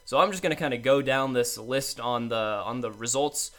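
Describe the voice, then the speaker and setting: Young male co-host with a mid-range voice and an upbeat, brisk way of reading out results for a college sports podcast. He talks casually between the lists. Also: medium pitch, fairly bright tone.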